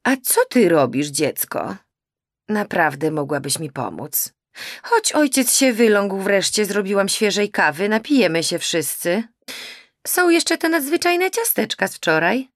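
A woman voicing a worried, fussy middle-aged mother in an audiobook, soothing and slow. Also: medium pitch, sing-song, no echo, clean studio sound, voice pushed up. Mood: fussy cheerful. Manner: fussing, soothing, slow emphatic. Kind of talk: audiobook character voice.

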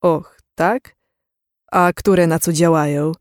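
A narrator voicing a gentle, evasive young man who talks hesitantly about his past, in an audiobook reading. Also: fairly high pitch, fairly even intonation, no echo, clean studio sound. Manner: hesitant, slow, sparing with words.

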